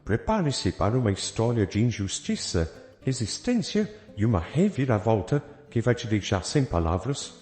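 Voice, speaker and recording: A man's voice: fairly low pitch, big pitch swings, normal speed, a little mellow. A man narrating a dramatic, suspenseful story in a scripted style. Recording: echoey, with faint background music.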